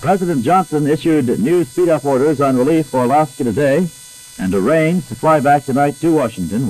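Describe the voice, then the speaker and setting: A man's voice: medium pitch, darkish tone, low-quality recording. A man reading wire news bulletins on air as a radio announcer, heard as an old 1960s broadcast recording with electrical hum. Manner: measured, grave, deliberate reading. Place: radio studio.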